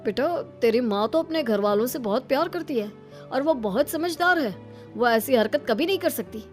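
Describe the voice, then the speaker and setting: A woman voicing a middle-aged cartoon father who speaks in a measured, firm way. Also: sits high, lively intonation, soft background music, pitched below the performer's own voice.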